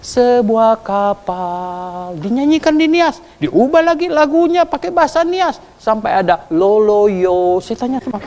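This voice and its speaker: High-voiced man preaching in reverberant hall. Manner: animated storytelling with rhetorical questions; laughs while telling. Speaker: pastor. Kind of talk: sermon. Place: church hall.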